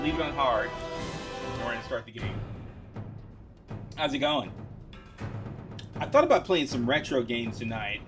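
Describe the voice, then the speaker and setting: Rambling, excitable male game streamer. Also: medium pitch. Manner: rambling, excitable, lots of restarts. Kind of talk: casual live-stream chat. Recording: game music playing behind.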